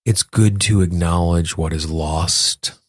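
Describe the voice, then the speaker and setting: Speaking slowly with fairly even intonation, a low-voiced man acts as a podcast host and coach, guiding the listener directly in a conversational self-help talk and tapping exercise. The recording is dry with clean studio sound.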